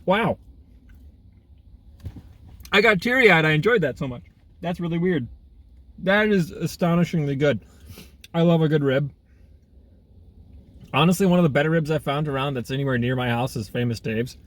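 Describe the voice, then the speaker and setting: A slightly high-voiced man chatting through a casual food review vlog while he eats. He talks with his mouth full and breaks into eager exclamations. He is filming himself outdoors in half sun, half shade. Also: normal speed, pauses often. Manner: chatty, eating while talking, frequent exclamations. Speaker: food vlogger.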